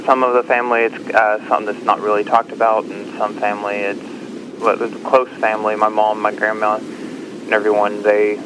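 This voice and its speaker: A young man from Texas, a Marine, answers interview questions haltingly, with frequent uh fillers. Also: on the low side, completely flat delivery, noisy background. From Kansas-born, raised in Texas. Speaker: guest, active-duty Marine.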